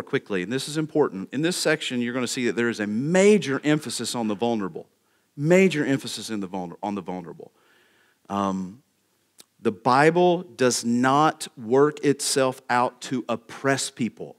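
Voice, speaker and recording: A man's voice: mid-range voice, animated, normal speed. A male pastor preaching a sermon, laying out numbered points with emphasis and checking in with the congregation by asking "okay?".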